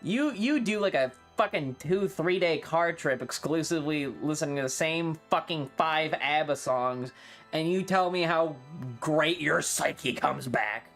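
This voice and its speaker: Over soft background music, a streamer chats live in a mid-range, fairly bright voice at a slightly slow pace. Rambling and opinionated, they swear freely and complain with playful exaggeration.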